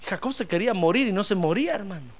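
A man preaching a sermon, telling comic stories and breaking into loud shouts of praise. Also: sits high, lively intonation, racing. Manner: comic storytelling, bursts into shouting.

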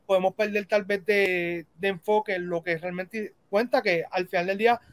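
An interview host with a mid-pitched voice leads a relaxed chat. The host thinks aloud with fillers and now and then switches into English. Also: normal speed.

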